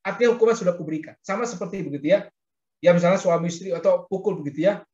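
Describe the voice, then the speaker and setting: A middle-aged man, teaching the Bible in sermon style, often turning to his listeners and acting out quoted speech. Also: rapid-fire. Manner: addresses listeners as "saudara", frequent "begitu ya" tags; animated, acts out quoted speech with rising pitch. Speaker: pastor teaching a Bible reading class. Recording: roomy, dull lo-fi sound.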